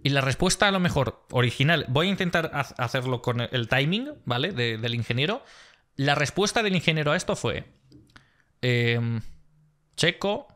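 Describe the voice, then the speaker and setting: A man's voice: medium pitch, lively intonation, normal speed, fairly bright tone. A man hosting a post-race analysis vlog, retelling events in an emphatic, exasperated way. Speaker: motorsport vlogger.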